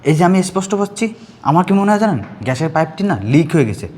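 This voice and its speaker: A man's voice: fairly high pitch, expressive, rapid-fire, a little mellow. An actor playing a scheming young man who plants a hidden camera out of revenge, speaking with brazen, taunting boldness.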